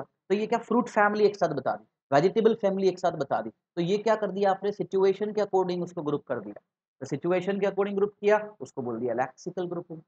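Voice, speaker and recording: A man gives an online exam-prep lesson in a fairly high voice, stopping often to ask his students whether they follow. He repeats key terms and builds each point slowly. The recording sounds slightly dull and lo-fi. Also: a little mellow. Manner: explanatory, repeats key terms, asks the class questions. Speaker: English teacher for exam prep. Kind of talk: online exam-prep lecture mixing Hindi and English terms.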